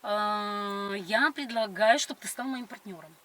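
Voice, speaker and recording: A woman's voice: mid-range voice, unhurried, pushed and bright. A middle-aged woman chatting on a date in a grand, coquettish and condescending manner. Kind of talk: casual date chat. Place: inside a car. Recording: noisy car interior.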